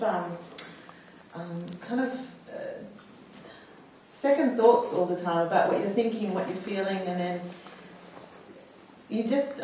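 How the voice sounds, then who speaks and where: A U.S.-born woman in her forties, speaking on a panel, recounts her personal story at a public talk with plenty of fillers and restarts. Her voice is on the low side with a darkish tone, picked up by a distant mic in an echoey hall with slight background noise.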